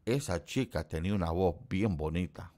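A middle-aged man with a somewhat low voice talks casually to his livestream viewers. He rambles and teases the people in his chat. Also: moderate pace, mellow. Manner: quotes people in a put-on high voice. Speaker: livestream host.

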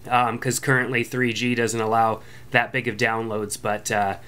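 A man with a smooth, medium-pitched voice talks at a normal speed as a podcast host, casually walking through an app review. The voice-over is relaxed and friendly, full of ums and uhs.

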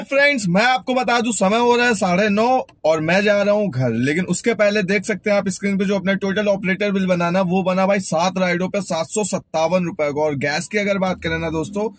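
A man's voice: high voice, animated, a little fast, hardly any pauses. A young man chatting casually to viewers in a vlog, a ride-hailing driver who keeps calling them brothers and friends. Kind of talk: casual vlog talk to camera.

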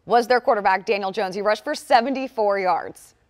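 A woman's voice: mid-range voice, brisk. A young woman co-hosting a TV sports show in a studio, upbeat and chatty, reading viewer comments. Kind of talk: lively sports show banter.

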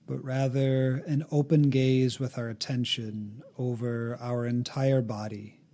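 A man with a medium-pitched voice narrates a guided meditation. He is calm and gently instructive, leaving long pauses between phrases.

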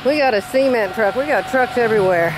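A woman's voice: fairly high pitch, a little fast. An older woman narrating a casual vlog, chatty and exclaiming often, laughing as she films outdoors at a building site. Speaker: vlogger. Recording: outdoor camera audio with noise.

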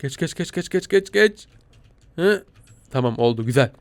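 A young man commentating a game he plays, panicking, shouting and laughing in mock fear. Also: on the high side, animated, moderate pace, no echo. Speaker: gaming YouTuber. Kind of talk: excitable gameplay commentary.

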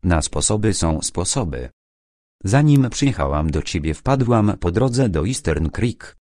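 Audiobook: man voicing a bossy, chatty young woman, brisk and insistent, deep and slow. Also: big pitch swings, darkish tone, no room sound, studio quality, heavily acted. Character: bossy, lively young woman, a busy friend.

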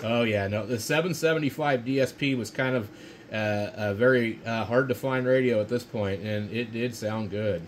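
An American man chats casually as an amateur radio operator at an indoor desk, a relaxed ham radio conversation. His voice is medium-pitched with fairly even intonation at a normal speed, and faint radio hiss and room noise can be heard.

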